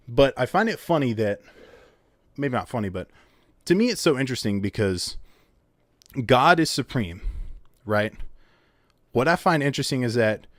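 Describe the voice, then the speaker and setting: A man with a fairly low voice talks through a Bible story in a relaxed, unscripted way. He thinks aloud, poses rhetorical questions and often restarts his sentences. The recording is dry, with no room sound. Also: no room sound. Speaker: solo video creator explaining a Bible story. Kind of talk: casual spoken explainer.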